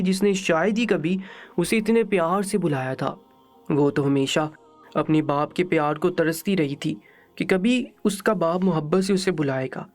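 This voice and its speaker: A man narrating an emotional story in a dramatic, measured storybook style. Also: a little high.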